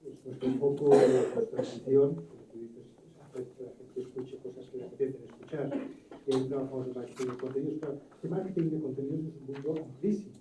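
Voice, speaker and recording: A man's voice: mid-range voice, fairly even intonation, fast talker, dark tone. A man from brand marketing asking the panel a long, winding question at a conference. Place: conference hall. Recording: roomy hall sound, distant mic, faint noise.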